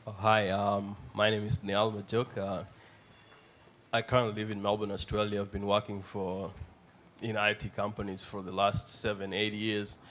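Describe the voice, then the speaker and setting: A man's voice: lowish voice, little pitch movement, normal speed, fairly bright tone, a little hiss or hum. A man from South Sudan introducing himself on a panel in a plain, matter-of-fact way.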